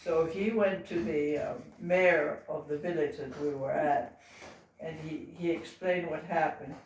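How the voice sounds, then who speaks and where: A very old woman in her nineties from Belgium, recalling her past informally and haltingly as she searches for words. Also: low-pitched, steady tone. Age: 90s. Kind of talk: informal oral reminiscence. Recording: roomy home recording, distant mic, faint noise.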